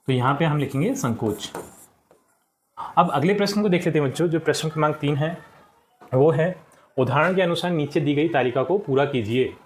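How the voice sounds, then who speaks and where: A man's voice: a little high, normal speed, pauses often, slight background noise. A man teaching a children's class, walking step by step through textbook exercises, patient and repeating each answer. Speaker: school teacher. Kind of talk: explaining a textbook lesson to children.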